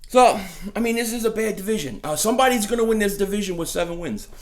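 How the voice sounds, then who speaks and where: Excitable trash-talking male sports fan. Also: sits high, fast talker. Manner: animated trash-talking, repeats his punchlines. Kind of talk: casual sports rant.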